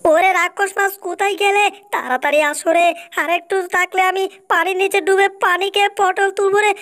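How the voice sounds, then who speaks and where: A tiny, cheeky cartoon mouse played by a woman with an extremely high, squeaky voice. He pleads in gasps, as if his mouth sits right at the waterline. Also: fairly even intonation, fairly quick, a bit bright. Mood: drowning panic. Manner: gasping pleas with mouth at waterline. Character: small cheeky male mouse casting silly spells. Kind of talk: Bangla cartoon dub.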